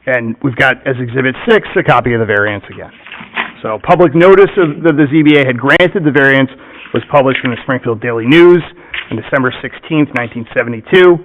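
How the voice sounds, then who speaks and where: A man representing an applicant, giving a formal, methodical presentation at a public hearing and pausing often to check in with "okay?". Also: mid-range voice, a little hiss or hum. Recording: muffled meeting-room recording.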